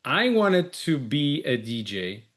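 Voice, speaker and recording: A man's voice: a little high, very animated, takes it slowly, a bit bright. A man hosting a business podcast, asking curious questions and reacting briefly over a video call. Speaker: podcast host.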